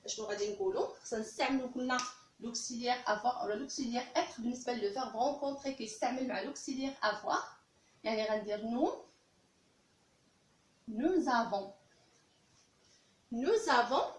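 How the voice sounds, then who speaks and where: Speaking French grammar lessons step by step, a woman with a Moroccan Arabic accent repeats each example phrase in a slow, careful way. She has a fairly high voice, and the sound is roomy.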